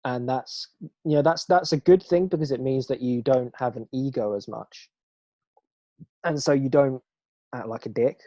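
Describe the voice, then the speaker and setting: A young British man with a British accent, co-hosting a podcast in casual chat, opinionated and quick to laugh and swear. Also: mid-range voice, mellow, dry recording, highs cut off. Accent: British English. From Britain. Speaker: podcast co-host.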